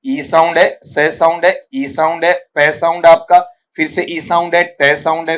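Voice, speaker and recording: A middle-aged male teacher giving an exam-prep grammar lesson, with a slightly raised voice. He explains step by step, calls his students "beta," and slows down to spell out English words sound by sound. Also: on the high side, fairly bright tone. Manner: mixes English grammar terms into his talk.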